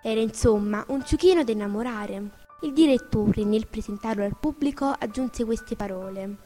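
A woman narrating a classic children's tale in an expressive, measured audiobook reading. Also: on the high side. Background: background music.

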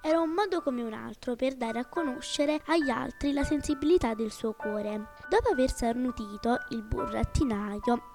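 A woman narrating a children's classic as a podcast storyteller, in an expressive, measured style. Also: fairly high pitch. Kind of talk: audiobook narration. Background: music.

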